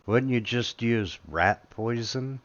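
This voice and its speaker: A man voicing a shrewd male merchant who speaks in a halting, stammering way. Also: mid-range voice, fairly bright tone. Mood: puzzled, incredulous. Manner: halting, full of stammers and filler sounds. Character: gruff male merchant, shrewd, rule-minded shopkeeper. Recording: dull lo-fi recording.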